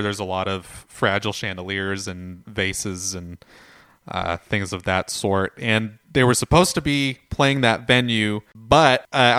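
A man co-hosting a music podcast, telling stories in a relaxed, chatty way with frequent fillers. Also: medium pitch, clear, resonant tone, no room sound, clean studio sound. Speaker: podcast co-host. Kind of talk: casual chat.

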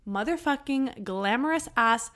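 Telling a funny story on the podcast she co-hosts, this twenty-something New Yorker laughs a lot and swears casually. She sounds animated and a bit bright, pitched on the high side, with a slightly slow delivery.

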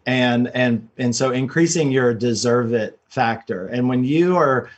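Guy guest on a podcast, raspy mid voice, just casually rambling thru his story. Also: medium pitch, a little slow, muffled recording. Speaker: podcast guest, real estate investor.

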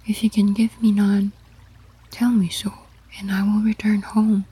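A woman voicing an earnest, weary male king seeking wisdom, in a soft whisper. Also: mid-range voice, little pitch movement, unhurried, slightly rough. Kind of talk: ASMR story reading.

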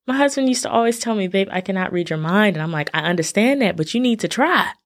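A woman's voice: medium pitch, quick pace. A woman, hosting a casual solo podcast and talking chattily and animatedly to her listeners. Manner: chatty, animated, addresses listeners as y'all and sis. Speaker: podcast host.

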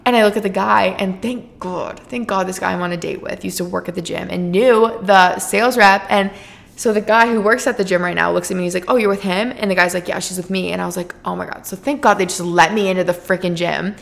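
A woman in her twenties, a podcast host casually telling a story in a chatty, animated way. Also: mid-range voice, quick pace, vocal fry. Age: 20s. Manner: chatty, animated, heavy use of "like" and "freaking".

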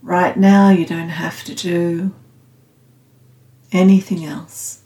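A woman guiding a meditation in a calm, meditative, soothing tone, unhurried and leaving long pauses. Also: fairly low pitch. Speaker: meditation guide. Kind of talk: guided loving-kindness meditation. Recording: roomy, slightly echoing sound.

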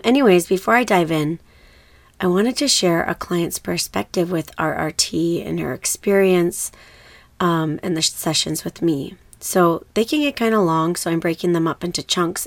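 Woman podcast host, lowish voice with a touch of cold, dry close sound, reflective and rambling. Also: gravelly, dry recording. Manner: reflective, rambling with fillers and small laughs. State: recovering from a cold, voice a bit off. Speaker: podcast host and grief coach. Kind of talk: casual solo podcast talk.

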